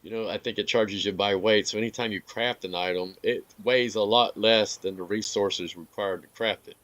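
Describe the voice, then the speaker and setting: A man giving relaxed, rambling commentary over his gameplay, with filler words and some hiccups. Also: fairly low pitch, moderate pace, dry recording. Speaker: gaming video creator.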